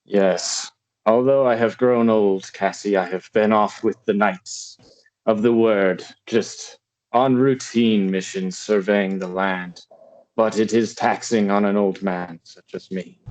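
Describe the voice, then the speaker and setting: A man's voice: lowish voice, fairly even intonation, a little mellow, rough recording. A man doing a tired old lord with a shaky British accent. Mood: fatherly. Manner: attempted British accent slipping into Scottish; slow, formal, old-fashioned phrasing. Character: weary aging lord and general, fatherly and formal.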